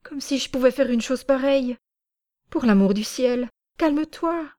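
A woman plays a humble, wounded older villager in a storybook reading, pleading and reproachful. The voice rises above the narrator's low tone. The sound is dry and close. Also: takes it slowly, warm tone, no room sound. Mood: indignant.

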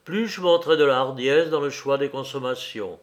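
A man reading a novel aloud as narrator, in measured, unhurried storytelling. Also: mid-range voice.

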